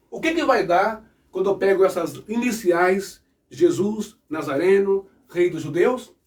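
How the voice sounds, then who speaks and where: A man's voice: high-pitched, recorded from a distance. A man preaching and explaining scripture, asking his listeners rhetorical questions. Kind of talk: sermon-style Bible teaching.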